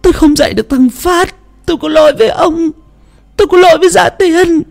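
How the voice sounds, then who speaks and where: A woman's voice: very high voice, a little fast, creaky, darkish tone. A woman voicing a grieving old widow who pleads through tears. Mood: tearful pleading. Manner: tearful, pleading, sobbing. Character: grieving old widow haunted by her husband.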